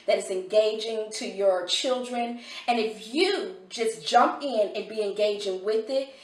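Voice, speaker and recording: A woman reviewing a homeschool curriculum in a casual vlog, talking with excited enthusiasm. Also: on the high side, reverberant, distant mic.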